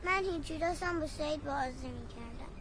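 A shy young boy. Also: very high-pitched. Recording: noisy film soundtrack.

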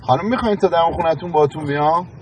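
A man's voice: a little high, a crowd in the background, lightly acted. An actor playing a young man named Saeed who drives the car and cracks sarcastic jokes, in a comedy film. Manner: sarcastic and joking. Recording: noisy film audio.

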